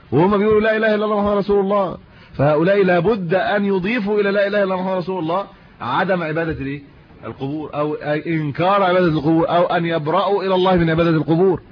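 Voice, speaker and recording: A man with an Egyptian Arabic accent teaches a religious lesson at a brisk, rapid clip, his voice set a little high. He moves between reading classical text and plain colloquial explanation, often asking his listeners questions. The recording is muffled and lo-fi, with a faint hiss behind him.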